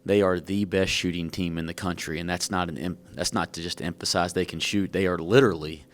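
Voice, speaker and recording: A basketball coach with a low voice and fairly even intonation answers questions briskly at a podium in a press conference room. He's out of breath, frank and rambling, with a self-joking manner.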